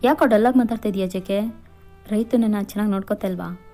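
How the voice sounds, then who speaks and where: A woman's voice: medium pitch, fast, mellow, faint music behind, close to an everyday voice. A woman voicing a ruthless, domineering rich father who coldly threatens a young woman in a fan fiction voiceover. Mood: scheming.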